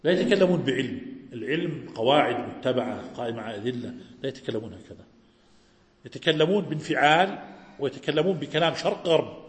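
A man's voice: medium pitch, lively intonation, quick pace. A male preacher giving a religious lesson, explaining by asking rhetorical questions and answering them himself. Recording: echoey hall with long reverb.

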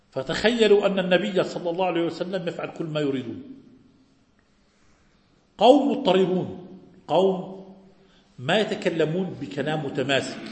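A male preacher giving a religious lesson, explaining by asking rhetorical questions and answering them himself. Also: a little high. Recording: echoey hall with long reverb.

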